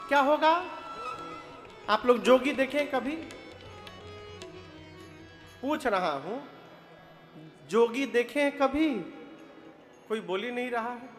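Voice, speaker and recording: A man's voice: extremely high pitch, lively intonation, fairly bright tone. A man preaching a religious story to a live audience, speaking, singing verses and questioning the crowd as he tells it. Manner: questions the audience, sings verses slowly, acts out dialogue. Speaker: katha preacher. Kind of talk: sung and spoken religious storytelling. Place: large hall before a live audience. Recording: live hall with reverb and instrumental music.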